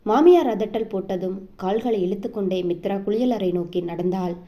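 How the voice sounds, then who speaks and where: A woman reads a romance novel aloud in steady storytelling narration. Her voice is dark and mellow throughout. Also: mid-range voice, a little fast.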